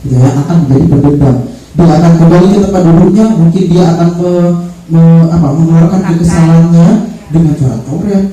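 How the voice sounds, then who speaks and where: A playful male teacher addresses a workshop audience, acting out little classroom scenes. His voice sits a bit high but sounds dark and mellow. He is heard from a distance in a very echoey room with faint music underneath. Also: a little fast. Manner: playful, laughs often, addresses audience as ladies and gentlemen. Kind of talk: workshop presentation with role-play examples. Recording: roomy echo, distant mic, faint music.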